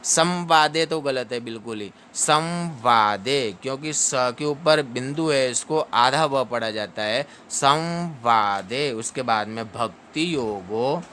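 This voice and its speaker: A man teaching how to pronounce a Sanskrit chapter ending, drilling each syllable slowly and chanting it back. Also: medium pitch, fairly bright tone, slight background noise. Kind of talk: pronunciation lesson.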